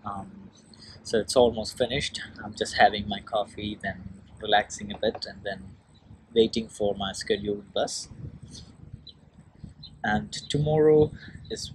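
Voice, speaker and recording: A man chatting casually to his phone camera for a vlog, relaxed and full of ums, with a small laugh now and then. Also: fairly low pitch, a little slow, pauses often. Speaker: vlogger. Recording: noisy street phone recording.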